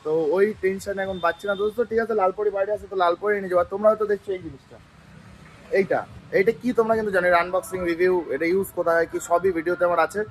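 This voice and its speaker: Young male vlogger, hoarse from a cold, rattles along at breakneck speed in a slightly high voice, chatty to camera. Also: fairly even intonation, very fast, a little hiss or hum. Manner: chatty, keeps talking straight to viewers. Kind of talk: casual daily vlog. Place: at home, indoors.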